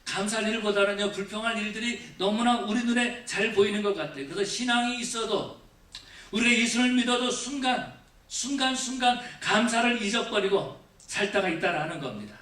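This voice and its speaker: A male pastor preaching a Thanksgiving sermon. He questions the congregation again and again and moves between raised emphasis and quiet, low asides. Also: animated, a little fast. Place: church sanctuary. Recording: echoey church from far off.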